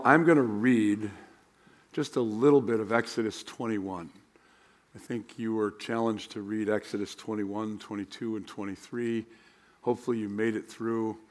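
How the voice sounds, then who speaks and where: A male American pastor gives a sermon in a somewhat low voice that sounds hoarse and worn. His delivery is plain-spoken and conversational, like a teacher talking directly to his congregation. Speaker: pastor teaching a Bible class.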